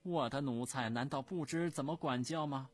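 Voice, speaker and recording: A man voicing an imperious old Empress Dowager who scolds in a shrill, commanding voice. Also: big pitch swings, normal speed, slightly rough. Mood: angry.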